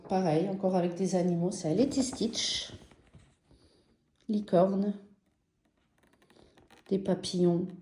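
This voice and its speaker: A French woman chatting casually and enthusiastically about her embroidery projects in a vlog, slow and gentle with many fillers. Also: mid-range voice, steady tone, roomy sound. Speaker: embroidery vlogger. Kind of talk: casual show-and-tell vlog.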